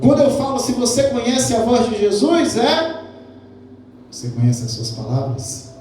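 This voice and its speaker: High-voiced pastor preaching in an echoey church. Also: male voice, big pitch swings, normal speed, darkish tone, soft background music. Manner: preaching with rhetorical questions to the congregation; repeats phrases for emphasis. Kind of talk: sermon. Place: church hall. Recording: very echoey church hall, mic at a distance.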